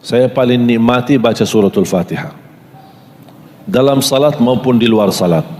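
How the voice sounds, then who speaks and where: Addressing a live crowd, a male preacher whose first language is Arabic uses a middle-pitched, dark-toned voice, with slight background noise present. He asks the audience questions and goes through lists slowly and deliberately, each phrase trailed by a long reverb like that of a large hall.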